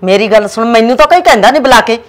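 Quarrelsome village mother-in-law, played by a woman, Punjabi accent, sarcastic, pitched high. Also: expressive, very fast, natural voice. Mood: bickering. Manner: bickering, sarcastic.

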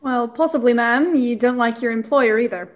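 Woman as haughty, high-voiced Squire Trelawney. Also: normal speed, highs cut off, lightly acted. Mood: impatient. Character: huffy, impatient ship-owning squire. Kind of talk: radio play acting.

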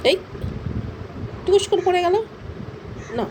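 A woman's voice: very high voice, lively intonation, a little slow. A woman filming a casual home vlog, coaxing her pet dog in affectionate baby talk. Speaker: dog owner. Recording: traffic noise behind.

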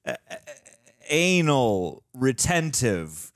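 A young man co-hosting a reaction show, joking through a playful shout-out segment. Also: medium pitch, sing-song, drawn-out words, dry recording. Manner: playful, mock-grand wordplay. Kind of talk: casual chat.

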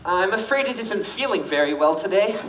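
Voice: medium pitch, animated, normal speed, background noise, lightly acted. A stage performer playing a timid, earnest, nerdy young male flower shop clerk with a hesitant, apologetic way of talking, heard from across a theatre. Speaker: stage actor. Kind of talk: stage musical theatre dialogue. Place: school stage, recorded from the audience. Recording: distant echoey theatre recording, music behind.

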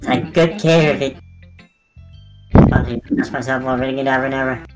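A woman's voice: a bass voice, steady tone, normal speed, over music. A woman voicing a shy, obsessive schoolgirl from a visual novel, gushing with hesitant, intense adoration. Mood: creepy, obsessive. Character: shy, obsessive, breathlessly adoring teenage schoolgirl. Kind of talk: visual novel character dubbing.

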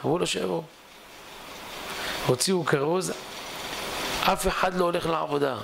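A man, a rabbi, telling a dramatic story in a synagogue sermon, speeding up and slowing down for effect. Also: fairly high pitch, vocal fry, background noise. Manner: dramatic storytelling, shifting pace.

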